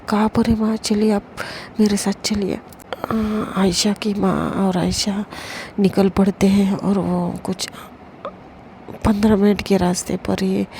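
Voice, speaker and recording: In a medium-pitched, dark voice, a woman tells a love story casually and conversationally, with slight background noise. She quotes the characters' lines plainly in her own voice instead of acting them out.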